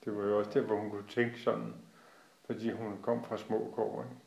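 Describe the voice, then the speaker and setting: A man's voice: on the low side, flat delivery, vocal fry, darkish tone. A middle-aged Danish man in casual family chat, asking questions and musing aloud. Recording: echoey room.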